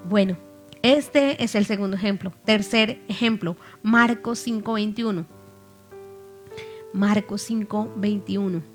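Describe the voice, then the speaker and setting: A woman's voice: mid-range voice, slow pace. Woman preaching a sermon over faint music. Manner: reads scripture aloud, then asks the listeners questions.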